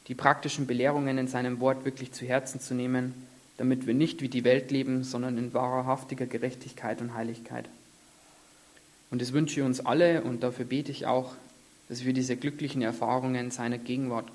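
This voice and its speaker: A man's voice: mid-range voice, a little mellow. A man preaching an earnest sermon, reading a Bible passage aloud with emphasis and then explaining it. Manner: earnest, devout, reads scripture aloud with emphasis.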